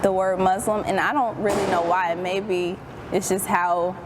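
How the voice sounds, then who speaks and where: A woman of twenty-one, a university student, speaking slowly and uncertainly in a documentary interview. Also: medium pitch, steady tone, very noisy. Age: 20s. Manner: slow, unsure.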